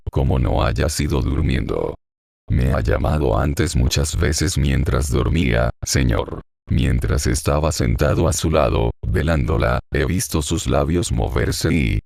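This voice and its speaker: A man's voice: very deep voice, gravelly, darkish tone, no echo, studio quality, exaggerated voice. A man reading the part of a grieving, confused old man in an audiobook, murmuring in a hollow voice as if talking to himself.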